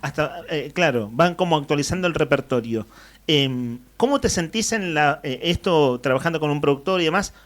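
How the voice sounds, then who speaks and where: Argentine male radio host, slightly high voice, wandering questions, studio. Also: animated, normal speed. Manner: long rambling questions with fillers. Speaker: radio interviewer. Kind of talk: interview questions.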